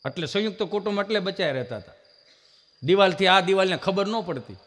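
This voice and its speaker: High-voiced man telling jokes. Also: a little fast. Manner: animated, acts out family characters. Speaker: stand-up folk comedian. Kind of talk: live folk comedy storytelling. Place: live stage event with audience.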